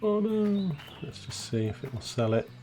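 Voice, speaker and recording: Clear truck and engine noise from the game sits behind this British host's commentary, along with faint music. His medium-pitched voice is level, slightly mellow and a bit fast as he reasons aloud and fixes his own mistakes.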